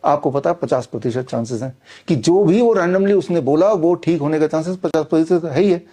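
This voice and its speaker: A middle-aged man speaks in a somewhat high, mellow voice. He talks insistently and combatively, directly to the audience. Frequent "uh" fillers break up his claims. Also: fairly quick. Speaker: author promoting his books and a training program. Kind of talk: persuasive direct-to-camera monologue.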